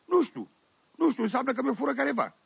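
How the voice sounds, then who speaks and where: Un actor care imită un tânăr soldat țăran, naiv și încet la minte, cu accent oltenesc, protestând smiorcăit. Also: male voice, very high voice, very animated, gravelly, husky, dry recording, voice pushed up, heavily acted. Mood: protesting. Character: dim-witted young peasant soldier, naive. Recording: dull dry 1978 vinyl radio recording.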